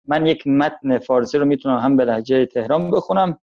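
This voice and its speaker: Speaking in a mid-range voice with a Tajik Persian accent, a man from Tajikistan gives a thoughtful interview and slows to emphasize his points. The recording is muffled.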